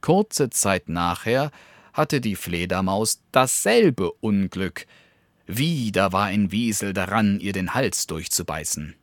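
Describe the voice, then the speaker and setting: Slow, dry-voiced male storyteller. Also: fairly low pitch, big pitch swings, no echo. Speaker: narrator. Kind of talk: scripted fable reading.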